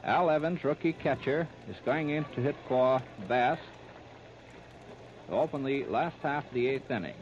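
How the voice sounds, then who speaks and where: On a muffled, very noisy 1939 radio disc, an American man gives 1930s-style baseball play-by-play as clipped running description. His voice is medium-pitched, and his pace is moderate.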